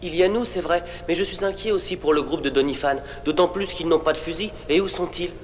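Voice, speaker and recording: A man's voice: on the high side, fast talker, a little hiss or hum, close to an everyday voice. A man voicing a worried, thoughtful teenage boy in a French cartoon dub, sounding concerned.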